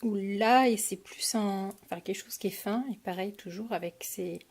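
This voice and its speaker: A French crafting vlogger shows off her craft supply purchases on camera in a casual haul. Her medium-pitched voice is a little mellow and slightly rough, at a normal speed, and her talk is full of hesitations and fillers.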